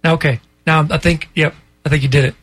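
A man hosts a morning radio show from a studio microphone, chatty and flustered as he stumbles over words in casual banter. His voice is fairly high, steady in tone and fairly bright, a little fast, with a slight hiss or hum in the recording.

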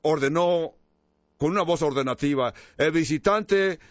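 A preacher tells a story in his sermon, earnest and inviting, with pauses between phrases. His voice sits fairly high for a man. The recording sounds dull and dry, with no room echo.

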